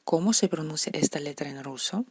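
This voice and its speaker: A woman's voice: low-pitched, a little fast, a little hiss or hum. A woman, teaching letter pronunciation to beginners and patiently repeating each example word. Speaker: language teacher.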